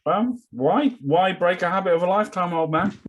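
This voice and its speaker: A man's voice: sits high, moderate pace. A man co-hosting a podcast, trading wry, teasing banter in casual chat. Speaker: podcast co-host.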